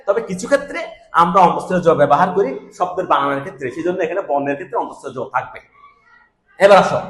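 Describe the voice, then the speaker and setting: Male teacher, brisk lesson delivery, quizzes then answers himself, roomy sound. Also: high voice. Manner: explains step by step, asks and answers his own questions. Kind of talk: grammar lesson.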